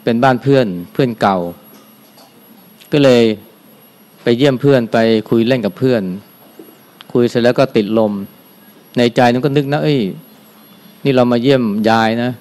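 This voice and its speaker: An older man, a Buddhist monk, giving a dharma talk in a calm, unhurried way, softly ending his phrases with a gentle particle. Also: medium pitch. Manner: calm, unhurried, adds a soft "na" at the end of phrases.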